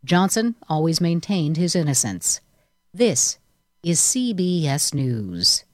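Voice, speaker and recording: A female news anchor reads a scripted bulletin in a fairly low voice. The sound is dry and close, with a formal newsreading delivery. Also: sing-song, takes it slowly, dry recording.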